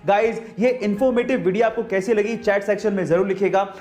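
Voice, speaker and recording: A man's voice: sits high, fairly even intonation, fast talker, darkish tone. A man hosting a facts video, who poses questions to viewers and then answers them. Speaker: host of a facts channel. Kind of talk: scripted facts narration. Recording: echoey room with faint music.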